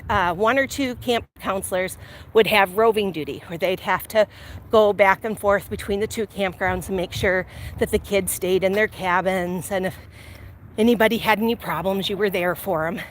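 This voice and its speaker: A middle-aged American woman from Illinois, a vlog host, tells personal stories in a casual, chatty, rambling way as she walks outdoors near traffic. Her voice sits in the mid-range and her pace is moderate. Steady ambient and vehicle noise runs under the recording.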